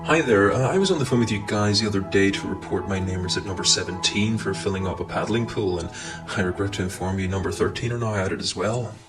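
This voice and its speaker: A man talking in a pompous, snooty and indignant way. His voice sits a little low, and music plays clearly behind him. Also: fast talker, poor audio. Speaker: comedian playing a posh prank caller. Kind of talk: character comedy sketch.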